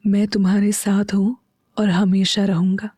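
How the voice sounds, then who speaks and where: A woman's voice: little pitch movement, normal speed, no echo, studio quality, lightly acted. Woman voicing a tender, teasing young husband. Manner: soft, low, intimate murmuring.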